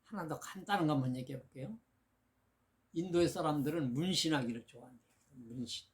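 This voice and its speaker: A Buddhist monk gives a dharma talk, retelling Zen anecdotes and acting out the dialogue. His voice is on the high side and a little fast, on a noisy recording with clicks.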